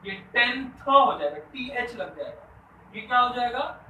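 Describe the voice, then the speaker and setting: High bright-voiced male math teacher. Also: expressive, measured pace. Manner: repeats questions to students and answers them himself; Hindi with many English math terms. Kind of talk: classroom lesson explaining to students. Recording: echoey room, voice a bit distant from the mic, faint background noise.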